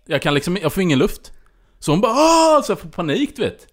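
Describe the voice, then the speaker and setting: A man hosting a podcast, telling a story in casual chat and acting out what people said. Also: fairly high pitch. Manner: animated storyteller, acts out dialogue. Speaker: podcast host.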